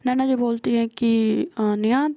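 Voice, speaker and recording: Woman storyteller, gravelly dark voice, flat even delivery, dry close mic. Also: a little high, unhurried, no echo. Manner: retells scenes with quoted dialogue, frequent hesitations. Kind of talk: casual spoken story retelling.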